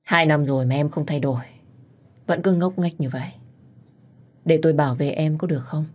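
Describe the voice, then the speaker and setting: A woman's voice: low-pitched, a little fast, a little mellow. A woman voicing a caring, protective young man who asks urgent, tender questions in a story reading. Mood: concerned.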